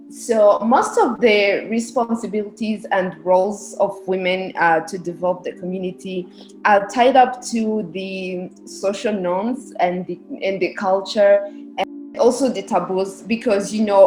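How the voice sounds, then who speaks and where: A young adult woman from Rwanda, a podcast guest and research specialist, answers earnestly in a casual interview, explaining her views at length. Her mid-range voice has a darkish tone and an unhurried pace, with faint music behind and an echoey room sound.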